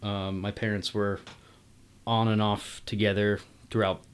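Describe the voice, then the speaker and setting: A man grown up in England, talking casually and haltingly about his family, with many restarts. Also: lowish voice, flat delivery, smooth. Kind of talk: casual conversation.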